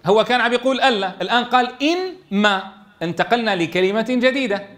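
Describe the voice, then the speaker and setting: A high-pitched man speaks quickly in a fairly bright tone as he leads a classroom tajweed lesson for Quran teachers. He explains things step by step and checks in with his students along the way.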